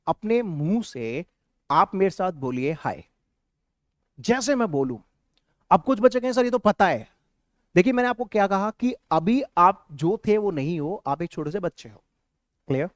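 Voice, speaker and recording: A man teaching an English-speaking lesson to a class, animated and drilling words by repetition. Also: sits high, no echo, studio quality.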